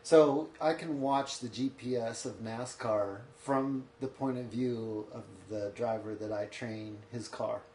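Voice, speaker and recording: Man, athletic coach, podcast guest, matter-of-fact, relaxed, roomy echo, faint hum. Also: mid-range voice, measured pace, hardly any pauses. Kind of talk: casual podcast conversation. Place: his home office.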